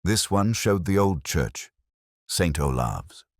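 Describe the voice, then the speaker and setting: This detective story is told by a man with a very deep voice, measured and literary yet very animated, his pitch roaming freely. The sound is dry and close, with no room sound.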